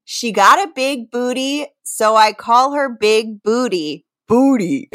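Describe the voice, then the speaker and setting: On a comedy podcast, a female co-host gives theatrical, deliberate dramatic readings of song lyrics and trades casual banter, often breaking into giggles. Her fairly high, somewhat bright voice comes through in studio quality with no echo.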